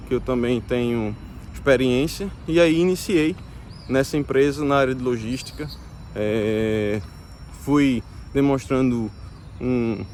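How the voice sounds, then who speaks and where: Outdoors, with light traffic and street sounds behind him, a man from Brazil in his thirties chats to viewers in casual explanatory vlog talk. His mid-pitched voice carries a Brazilian Portuguese accent, and his relaxed delivery is hesitant, with many fillers and restarts.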